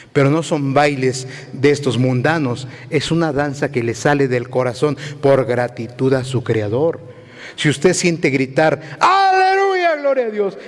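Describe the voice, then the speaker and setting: A man's voice: a little high, a little mellow. Preaching man in a reverberant hall. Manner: emphatic preaching with repeated rhetorical questions. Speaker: pastor. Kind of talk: sermon. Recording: long reverb of a large hall.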